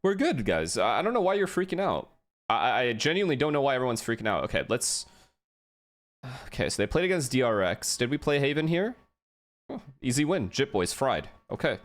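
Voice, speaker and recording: Lively excitable male streamer. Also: mid-range voice, brisk. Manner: excitable, profane, talks to chat. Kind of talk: live esports watch-along commentary.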